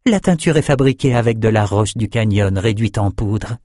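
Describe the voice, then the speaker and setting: A man's voice: fairly low pitch, animated, normal speed, dark tone, no echo, clean studio sound. A man voicing an imperious, possessive woman who heads a circle of scholars, speaking with condescending sweetness. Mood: sweet.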